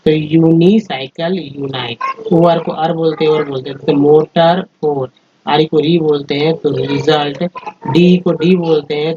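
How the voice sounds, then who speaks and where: A man's voice: a little high, a little mellow, slight background noise. A man teaching English phonics over slides, patiently spelling out letters and sounding out words one by one. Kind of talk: slide-based phonics lesson. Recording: dull lo-fi recording.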